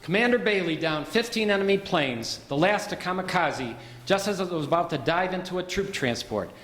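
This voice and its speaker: A man acting a harried small-town banker and father in a stage radio play, urgent and emphatic, halting when rattled. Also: high-pitched, expressive, fairly bright tone. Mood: proud, excited. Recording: echoey hall with background noise.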